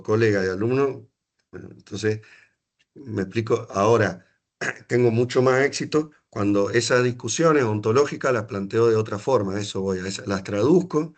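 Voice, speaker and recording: A middle-aged Argentine man, a geography lecturer, talking in an academic panel discussion, full of restarts, asides and rhetorical questions. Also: fairly low pitch. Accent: Argentine Spanish.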